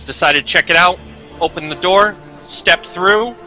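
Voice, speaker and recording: A man's voice: high-pitched, measured pace, bright, forceful tone, soft background music. A man narrating his character's backstory in the third person during a tabletop game. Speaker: player.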